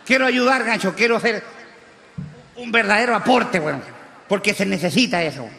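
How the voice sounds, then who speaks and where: A man playing a crude, rowdy rural Chilean huaso in a stand-up character monologue, speaking with a Chilean accent, full of coarse slang and shouted punchlines. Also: high voice, moderate pace, vocal fry, full character voice. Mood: boastful. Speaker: comedian in character. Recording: live stage with long reverb.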